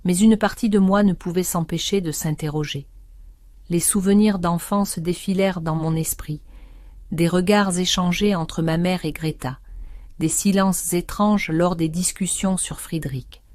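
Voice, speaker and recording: A woman narrating a first-person story in a steady, measured way. Her voice is low and mellow, with a dark warmth, and it sounds dry and close with no room around it. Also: dry recording.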